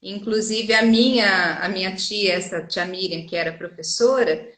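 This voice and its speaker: A woman's voice: mid-range voice, moderate pace, fairly bright tone. A woman teacher with a Brazilian Portuguese accent, answering interview questions earnestly and explaining through many examples and tag questions. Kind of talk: interview conversation. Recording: echoey room.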